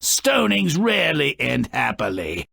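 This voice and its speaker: This malicious, dwarf-like grouch from a fairy tale video game narrates dark fairy tales in a full character voice, raspy and gravelly, fairly high for a man, with a sharp, forceful edge and wildly swooping pitch. Slow and theatrical, he sneers and mocks everyone with impatient scorn and ornate vocabulary. There is no room sound.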